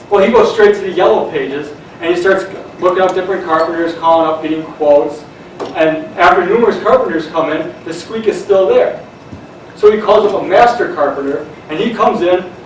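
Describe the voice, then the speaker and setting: A high-voiced sales presenter gives an energetic, conversational seminar talk to an audience, acting out quotes as he goes. The room is very echoey, the mic is far off, and there's a little hiss or hum.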